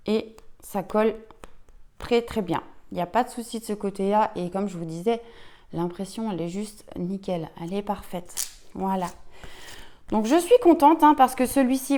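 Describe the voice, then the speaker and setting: A woman's voice: medium pitch, darkish tone, clean tone. A woman chatting casually while unboxing a diamond painting kit, enthusiastic and full of fillers. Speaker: craft unboxing vlogger.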